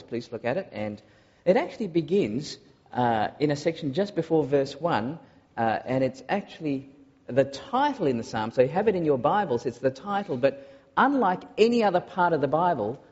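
Husky-voiced man preaching in an echoing hall. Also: a little high, a little mellow. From Malaysia. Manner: earnest, with frequent filler uhs. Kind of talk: sermon. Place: large church hall. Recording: dull recording in a long-echo hall.

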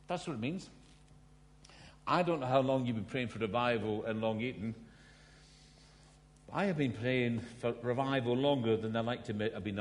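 Scottish man preaching in an echoing hall. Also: on the high side. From Scotland. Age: 50s. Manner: storytelling with self-mocking humour. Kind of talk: sermon. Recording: long hall reverb.

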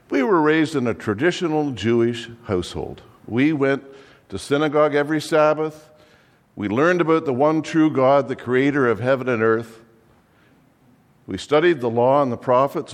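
A man playing a fussy biblical-era undertaker who pitches his business with exasperated, theatrical sales patter. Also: long reverb tail, natural voice. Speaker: comic monologue performer. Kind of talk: comic character monologue.

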